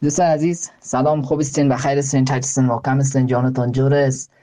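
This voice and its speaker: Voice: medium pitch, level tone, warm tone. A listener speaking in a recorded voice message, greeting friends and teaching local words.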